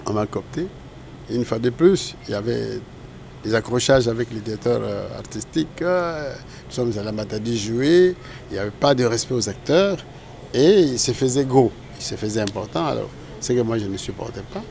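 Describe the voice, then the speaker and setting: An older man from Congo talks as a guest in a casual interview, with a gravelly, fry-tinged voice. He rambles through his memories and often stops to correct himself. Faint background noise sits under his voice. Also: mid-range voice, lively intonation, normal speed, darkish tone. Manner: rambling, self-correcting storyteller.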